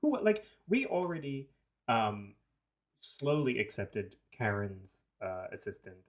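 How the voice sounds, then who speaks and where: Slow but highly animated, a mid-range male voice carries a New Zealand accent through casual podcast chat. As co-host, he leaps between topics and swears.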